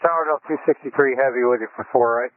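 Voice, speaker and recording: A man's voice: medium pitch, fast talker, dry recording. A male airline pilot speaking over cockpit headset radio, reading back instructions in clipped, formal phraseology. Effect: pilot radio transmission over cockpit headset. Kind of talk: air traffic radio readback. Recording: muffled lo-fi radio with static noise.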